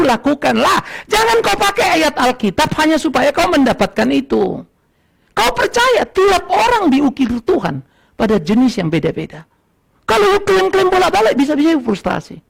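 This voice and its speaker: An older man preaches. His voice sits high and gravelly. He swings from sharp loud bursts to low, quiet asides and often breaks into laughter. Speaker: pastor. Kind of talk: sermon. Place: church hall.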